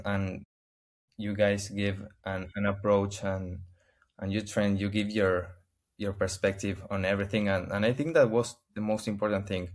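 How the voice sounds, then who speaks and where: This interview guest is an Argentine man with a lowish voice and an Argentine Spanish accent. A native Spanish speaker, he answers questions over a video call in halting English, with frequent restarts and pauses to find words.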